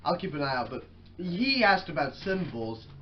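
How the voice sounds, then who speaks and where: A man's voice: a little high, sing-song, moderate pace. A man at a tabletop game who spells out careful questions, his voice rising and falling a lot. The recording is muffled, with a faint hiss. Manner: careful, asks clarifying questions. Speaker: player. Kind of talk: casual tabletop game chat.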